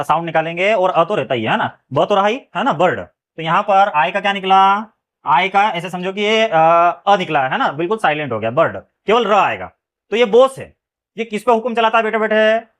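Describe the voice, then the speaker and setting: A man teaches phonics rules. He spells words out slowly, letter by letter, then stops to check that his students have followed. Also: high voice, fairly bright tone. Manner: spells words letter by letter, keeps asking "clear?". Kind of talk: phonics lesson.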